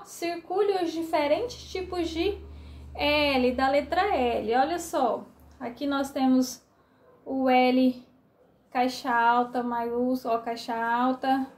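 Slow, high-voiced Brazilian teacher woman. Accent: Brazilian Portuguese. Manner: slow, patient, drawn-out syllables for children. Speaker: first-grade teacher. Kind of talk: remote literacy lesson for young children.

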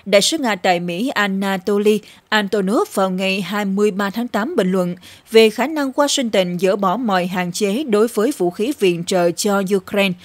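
A woman presenting scripted news in a formal, measured newsreader delivery. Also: mid-range voice, no room sound.

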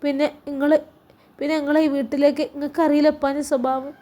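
A woman voicing a calm, reasoning grown son. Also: high voice, fast talker, lightly acted. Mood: reassuring. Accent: Malappuram Malayalam.

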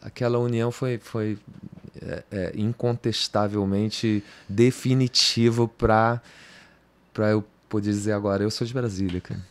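A Brazilian man in his fifties, with a fairly low, evenly pitched voice and a slightly slow pace, guests on a podcast recorded in a home music studio. He talks casually in interview style, rambling loosely, restarting sentences and tacking on "cara" and "entendeu?". He is picked up by a studio mic on a boom arm.

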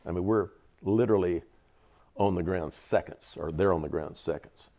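A man's voice: deep voice, normal speed, dark tone. A man in his seventies from Georgia with a Southern accent, vividly recounting stories in an interview, repeating words for emphasis. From Georgia, USA. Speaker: interview guest, veteran. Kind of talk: storytelling interview.

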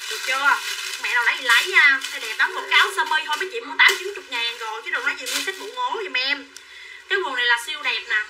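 Very fast, bright, and forceful, this woman's high voice drives her livestream clothing sale. She chats through prices and buyer names and nudges viewers to buy. Faint background noise comes through the distant mic.

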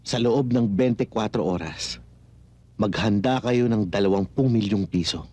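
A cold, curt kidnapper. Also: male voice, fairly low pitch, unhurried, darkish tone, husky, no echo. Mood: menacing. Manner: curt and threatening. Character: cold menacing male kidnapper on the phone. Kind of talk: film drama acting.

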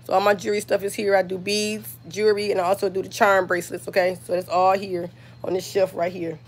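A woman's voice: mid-range voice, level tone, fast talker. A woman with a scratchy voice from being sick, chatting casually with live-stream viewers while showing her craft work. She, talks straight to her viewers with lots of fillers, and is recorded on a phone.

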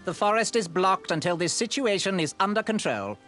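A pompous royal guard. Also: male voice, brisk, soft background music. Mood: stern. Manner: officious, cites decrees, lively pitch. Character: pompous rule-quoting male royal guard. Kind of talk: video game voice acting.

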